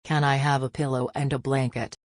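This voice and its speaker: A woman reading short travel phrases slowly and clearly for learners, in careful, even repetition. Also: very deep voice, dry recording, clean studio sound. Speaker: phrase reader.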